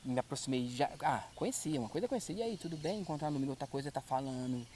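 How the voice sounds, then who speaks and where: A man's voice: mid-range voice, very fast, a little mellow, slight background noise. A man speaking as a podcast guest, earnest and repeating his points for emphasis. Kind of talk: casual chat.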